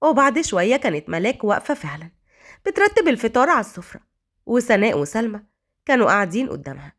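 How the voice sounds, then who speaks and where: An Egyptian woman narrates a romance story at a quick clip. Her pitch rides high and swings widely as she tells it expressively. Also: very animated. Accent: Egyptian Arabic.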